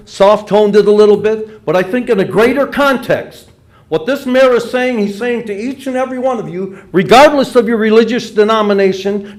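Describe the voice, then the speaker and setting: A man in his seventies from Michigan, giving a rambling, insistent public comment at a city council meeting. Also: high voice. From Dearborn, Michigan. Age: 70s. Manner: rambling, insistent, repeats "and so forth".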